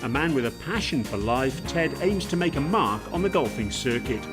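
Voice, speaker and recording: Man, sports show host, scripted narration, lively pitch, clear music behind. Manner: smooth, measured voice-over delivery.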